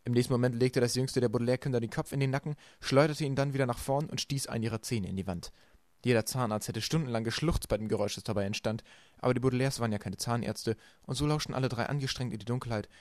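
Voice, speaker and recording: A man narrating a storybook with a quick, lively delivery. His voice sits in a middle register and the recording is close and dry, with no room sound. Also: mid-range voice, dry recording. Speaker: audiobook reader.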